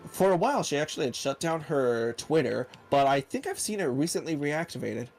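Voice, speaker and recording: A man with a gravelly, creaky voice chats casually while playing a game on a friend's stream. He drifts into rambling stories, with faint music underneath. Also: fairly high pitch, expressive, brisk. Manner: rambling storyteller. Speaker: guest player. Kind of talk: casual let's-play chat.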